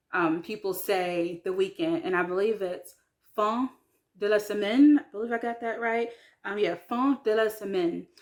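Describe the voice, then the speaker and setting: A woman talking casually to camera as a vlogger about learning a language, chatty and hesitant, with many fillers. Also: medium pitch. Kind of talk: casual vlog talk.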